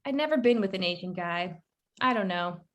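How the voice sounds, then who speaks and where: A woman author reading her own short story aloud in a measured, wry first-person narration. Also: mid-range voice, lively intonation, a bit bright, a little hiss or hum.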